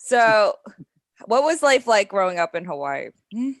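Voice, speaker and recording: A friendly podcast host asks questions and keeps the guest talking with quick, encouraging affirmations. The voice moves lively up and down in pitch. It is recorded dry and close, with no room sound. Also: no room sound. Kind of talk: casual interview.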